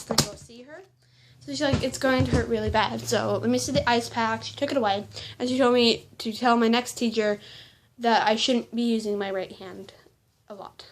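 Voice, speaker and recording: A teenage girl vlogger with a high-ish voice tells a rambling, indignant story against a noisy background, quoting back-and-forth exchanges as she goes.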